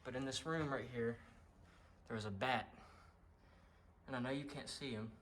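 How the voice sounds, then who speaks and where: A man's voice: medium pitch, steady tone, normal speed, a bit bright. A man casually narrating as he explores abandoned houses, out of breath and rambling, swearing offhandedly. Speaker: urban explorer vlogger. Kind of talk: casual handheld exploring commentary. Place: abandoned houses in an overgrown ghost town. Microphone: action camera mic. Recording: noisy outdoor action-cam audio.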